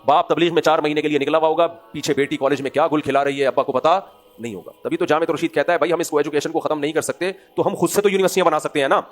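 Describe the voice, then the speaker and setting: Man, Pakistani Urdu accent, religious lecture, animated preaching, somewhat high voice, faint music underneath. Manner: animated preaching, swings between loud emphatic rhetorical questions and low asides. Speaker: Islamic scholar giving a lecture. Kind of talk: religious lecture to a live audience.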